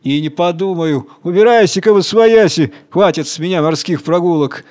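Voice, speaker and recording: A man voicing a clever, sly female monkey from a fairy tale, speaking higher and mocking. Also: a little fast, lightly acted. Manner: taunting, higher-pitched.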